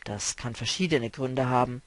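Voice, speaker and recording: A man reading a novel aloud, voicing a weary, melancholy male traveler who speaks quietly and broodingly. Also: medium pitch, moderate pace, dry recording, voice pushed down, lightly acted. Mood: explaining.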